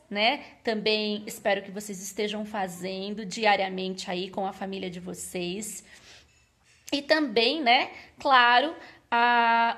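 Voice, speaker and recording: A woman's voice: on the high side, fairly bright tone. A woman who teaches at a children's church service. She tells a Bible story in a sing-song, coaxing way and keeps asking the children questions. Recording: very echoey room.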